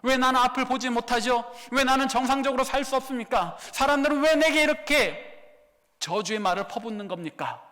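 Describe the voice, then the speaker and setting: A man's voice: very high-pitched, fairly quick, bright, forceful tone. A man voicing a desperate blind beggar who pleads and cries out for mercy in a raised, straining voice. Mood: anguished pleading. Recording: long hall reverb.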